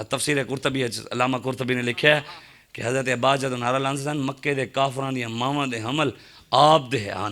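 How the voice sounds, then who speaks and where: A man's voice: mid-range voice, bright, forceful tone. A man with a Punjabi accent preaching a sermon in an impassioned way, firing rhetorical questions at his listeners. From Pakistan.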